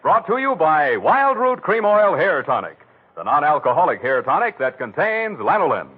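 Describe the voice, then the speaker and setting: A man announcing and reading ads on 1940s radio, with a booming sales-pitch delivery. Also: very animated, normal speed, slightly rough. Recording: tinny old radio broadcast.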